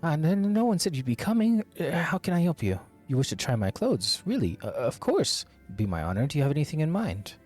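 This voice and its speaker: A man voicing a small, nervous rabbit-like game tailor with the polite, flattering manner of a clothes-shop clerk. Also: medium pitch, a little fast, hardly any pauses, breathy edge, faint music behind, pitched above the performer's own voice. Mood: flustered, eager. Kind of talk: character voice reading game dialogue.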